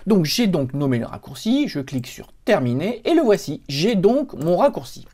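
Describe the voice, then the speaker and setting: A man's voice: high-pitched, very animated, normal speed, warm tone. A man hosting a computer tutorial, explaining each step on screen in a chatty way with many fillers. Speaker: computer help tutorial host. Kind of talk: screen-recorded software tutorial.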